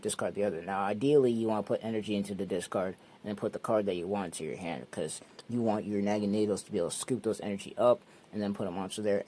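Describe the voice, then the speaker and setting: A man hosting his own channel, casually walking through a card deck step by step in a relaxed, repetitive way. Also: lowish voice. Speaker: card game channel host.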